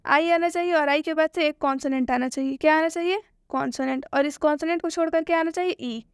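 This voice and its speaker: Lady teacher, high voice, asks then answers herself, dry close sound. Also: no echo. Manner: repeats each point slowly. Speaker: English teacher. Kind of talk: spoken lesson with a teacher's questions.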